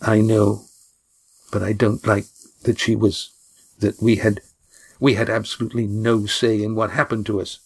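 A man reading a story, voicing a young man speaking tightly and haltingly through anger. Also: fairly low pitch, flat delivery, breathy edge. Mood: frustrated. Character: frustrated young man holding back anger.

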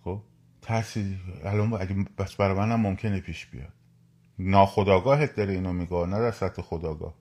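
A man talks to his listeners in a live stream. His voice sits somewhat low, and he presses his points hard, repeating them and asking his audience outright to act. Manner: animated, repetitive, urging listeners directly. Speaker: podcast host.

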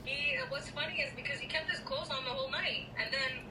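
A woman chatting casually as she recounts a personal story, a little halting and acting out bits of dialogue. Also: high voice, fairly even intonation, a crowd in the background. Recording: echoey, distant mic, clearly noisy.

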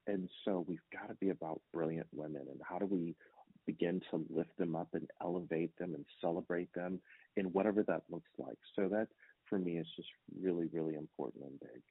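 Deep husky man on a phone line. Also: a little fast, dry recording. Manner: earnest, preachy, uses rhetorical questions. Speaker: motivational speaker guest. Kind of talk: interview answers. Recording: dry tinny phone-like sound.

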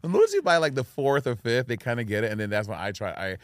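A man's voice: medium pitch, very animated, quick pace, no echo, clean studio sound. A man from Brooklyn, a guest on a podcast, bantering sassily in casual chat with stammered restarts.

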